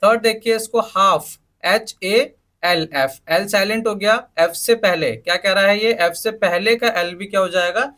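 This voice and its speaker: High, bright man teaching. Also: moderate pace, hardly any pauses. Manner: asks rhetorical questions and answers them, spells words letter by letter. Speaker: English teacher. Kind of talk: spoken English lesson in Hindi.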